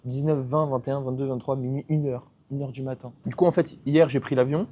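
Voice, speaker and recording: A man's voice: medium pitch, dark tone. A young man chatting casually in a travel vlog, rambling and slangy, filmed on a handheld camera at a hotel. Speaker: vlogger.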